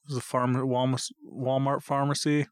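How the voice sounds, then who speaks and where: A man's voice: mid-range voice, flat delivery, normal speed, clear, resonant tone, no echo, studio quality. A man in his thirties co-hosting a podcast, chatting casually in a rambling, jokey way that often interrupts itself. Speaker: podcast co-host. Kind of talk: casual chat. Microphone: podcast recorder.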